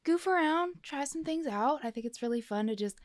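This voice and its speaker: A woman's voice: sits high, animated, fairly quick, no echo, clean studio sound. A woman co-hosting a podcast, chatting casually in a playful, rambling, joking way. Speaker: podcast co-host. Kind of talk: casual chat.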